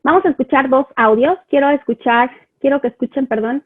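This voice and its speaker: A woman's voice: high-pitched, fairly quick, slightly rough. A woman with a Mexican Spanish accent teaching parents about children's language in a chatty live online talk, often checking in with rhetorical questions. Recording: phone-like, lo-fi online stream audio.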